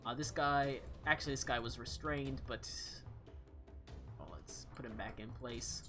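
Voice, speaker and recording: A man's voice: medium pitch, measured pace, pushed and bright, faint music behind. A man narrating as game master of a tabletop game, casual and full of fillers as he describes the scene.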